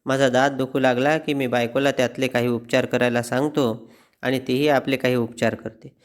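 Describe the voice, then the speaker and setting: A man giving an expressive, wry reading of a humorous essay, like a teacher reading a lesson text aloud. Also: medium pitch, moderate pace. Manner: wry, self-mocking storytelling.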